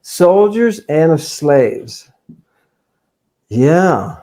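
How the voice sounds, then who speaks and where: A man's voice: a little high, sing-song, very slow, dark tone. A man giving an informal lecture on ancient texts, rambling, repeating phrases and checking in with "right?". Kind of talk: informal lecture reading from a text.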